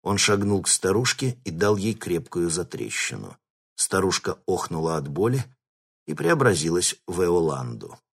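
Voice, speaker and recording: A man reading an audiobook in steady scripted narration. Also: deep voice, normal speed, vocal fry, husky.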